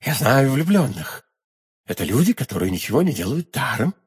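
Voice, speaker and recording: A man's voice: mid-range voice, very animated, normal speed, breathy edge. A man playing a cold scheming noblewoman.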